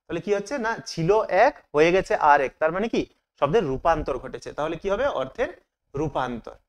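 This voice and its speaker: A man's voice: a little high, sing-song, fairly quick, slight background noise. A man teaching as he works through exam questions, asking each question aloud and then answering it himself. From Bengal.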